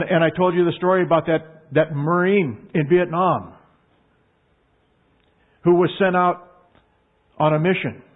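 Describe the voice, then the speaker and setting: A man delivers a sermon with earnest emphasis, stretching out the words he wants to land. His voice sits a little high for a man. The sound is thin and tinny, like a phone line. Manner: earnest, emphatic, drawn-out stresses. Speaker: pastor.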